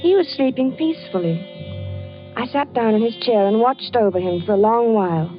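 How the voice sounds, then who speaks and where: In a 1940s radio drama, an actress plays a frightened wife recounting her husband's death, telling it earnestly and anxiously in a somber mood. Her voice is fairly high, animated, and close to everyday speech at normal speed, on a dull vintage radio recording with music.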